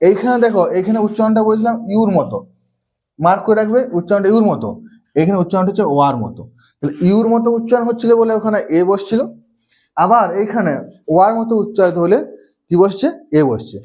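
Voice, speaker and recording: Grammar teacher, male, high voice, drills rules with questions he answers himself. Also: fast, a little mellow. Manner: asks the class questions and answers them himself, repeats key rules. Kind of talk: classroom-style lesson.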